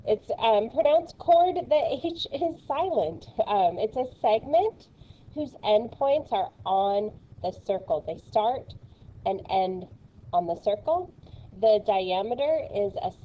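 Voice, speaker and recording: Playful woman math teacher, unhurried, recorded on a muffled home mic. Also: medium pitch, expressive. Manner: chatty and playful, with many fillers. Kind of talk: recorded video lesson.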